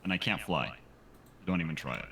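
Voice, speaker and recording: A man's voice: low voice, fairly quick, pushed and bright. A man playing a tabletop role-playing game, talking casually, often as his character. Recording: roomy echo, faint background noise.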